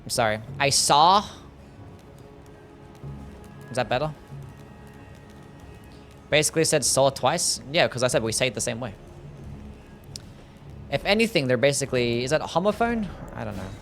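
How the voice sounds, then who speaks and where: Young Australian male streamer, mid pitch, wry, profane banter over soft game music. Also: animated, a little fast, vocal fry, pauses often. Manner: sarcastic, swears a lot, reads chat aloud. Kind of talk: casual gaming stream chat.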